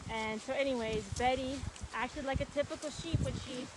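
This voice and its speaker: High voiced lady tour guide, animated storytelling while walking outside, loud background noise. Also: moderate pace. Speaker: sanctuary founder and tour guide. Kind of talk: casual chat on a live walking tour. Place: outdoors on farm, walking. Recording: noisy outdoor recording, clicks and footsteps.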